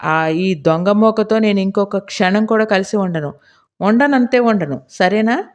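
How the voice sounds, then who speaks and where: A woman reading an audiobook voices a scolding middle-aged village housewife with a shrill, indignant, nagging delivery. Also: unhurried, lightly acted.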